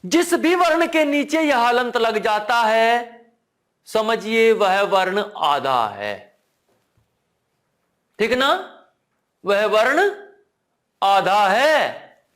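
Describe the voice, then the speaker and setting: A high-voiced man with a Hindi accent teaches an online Sanskrit lesson with lively, swooping intonation. He speaks slowly and drills the class, repeating each key word as a question and answering it himself. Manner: asks the class "ठीक है ना?" again and again; drops to a low, quiet voice at times. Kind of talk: online exam-prep lesson.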